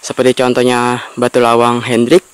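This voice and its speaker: A man's voice: mid-range voice, monotone, normal speed, clear, resonant tone, no echo. A man hosts an on-location travel vlog, explaining things and repeating facts for emphasis. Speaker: vlog host. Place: outdoors by a railway tunnel mouth in forested hills.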